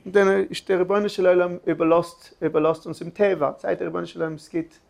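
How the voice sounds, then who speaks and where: A man's voice: high-pitched, little pitch movement, quick pace, creaky. A man giving an earnest religious lesson, telling a story with restarts and filler sounds.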